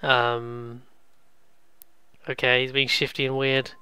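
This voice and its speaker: A man's voice: mid-range voice, completely flat delivery, slow, sharp tone, clear, resonant tone, dry recording. A man giving casual let's play commentary, musing aloud and joking as he goes. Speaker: gaming video host.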